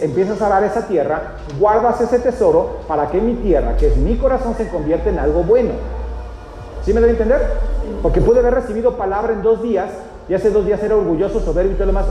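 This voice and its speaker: A male pastor with a mellow voice that sits high teaches a sermon, often checking in with the congregation. The recording carries the echo of a church hall and faint noise.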